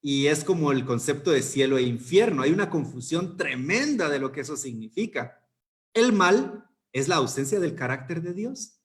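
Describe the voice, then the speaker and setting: A man preaching a youth service sermon, conversational and full of rhetorical questions. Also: fairly high pitch.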